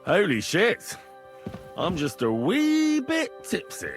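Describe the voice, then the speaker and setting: Video game: rough young medieval adventurer, cheeky, coarse, slightly high and swinging voice. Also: male voice, wildly swooping pitch, takes it slowly, over music, full character voice. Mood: drunken. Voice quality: colloquial, coarse speech. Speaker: game protagonist.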